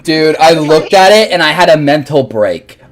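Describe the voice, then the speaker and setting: Lively man chatting with a slight lisp. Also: fairly high pitch, normal speed, soft background music. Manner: talking while eating spicy curry, slight lisp. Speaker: stream co-host. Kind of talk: casual chat.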